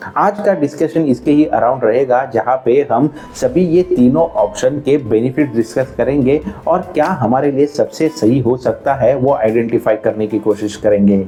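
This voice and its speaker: A man's voice: mid-range voice, normal speed, mellow, faint music behind. A man explaining investing options in a conversational, step-by-step way. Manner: conversational, walks through examples step by step. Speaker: finance educator. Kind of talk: explainer video.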